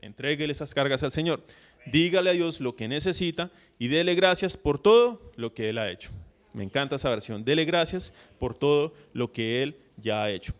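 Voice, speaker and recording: A pastor preaching with a fairly high voice. He keeps his sermon conversational and keeps asking the congregation whether they follow him. He now and then acts out mock prayers in a put-on voice. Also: expressive, moderate pace, clean tone. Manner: conversational preaching, constant checks with the audience.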